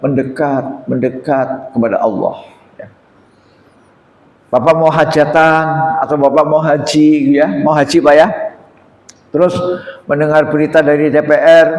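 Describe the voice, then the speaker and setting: A man preaching a sermon, talking straight to his listeners and climbing high when he acts out prayers. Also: darkish tone. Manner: addresses listeners as "Pak", rises to high emotional pitch when acting out prayers. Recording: echoey hall.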